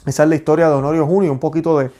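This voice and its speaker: A man reading a history text aloud in a measured, steady way, then explaining it to his viewers. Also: a little high. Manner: steady, measured reading with small restarts on words.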